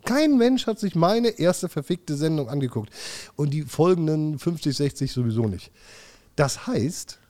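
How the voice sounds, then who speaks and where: A middle-aged man with a slightly slow, rather high voice co-hosts a podcast. Over a casual, beer-fuelled chat he tells lively stories, acts out quotes, and swears.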